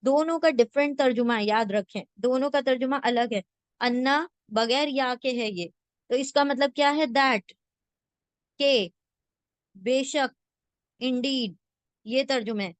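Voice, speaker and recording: A woman teaching a word-by-word scripture translation lesson, slowly and patiently, repeating each word and checking that listeners follow. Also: high-pitched, no echo. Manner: slow patient teaching, repeats words and asks "theek hai?".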